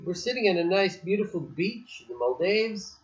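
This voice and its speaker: A man's voice: sits high, very animated, normal speed. A man chatting casually on a beach, telling a story in a rambling, digressive way with many restarts. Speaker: host. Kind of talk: casual chat. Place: outdoors on a beach. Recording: dull lo-fi recording.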